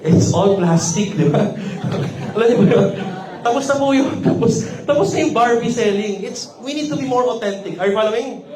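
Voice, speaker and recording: A man's voice: very high voice, a little fast. A man with a Filipino accent giving a sales training seminar, teasing and often checking that the audience is following. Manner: teasing, keeps checking in with the crowd. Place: company office training room. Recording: echoey room.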